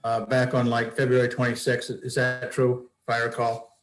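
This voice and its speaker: A man chairing a board meeting in a formal, measured, procedural way. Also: mid-range voice, completely flat delivery. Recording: echoey room sound.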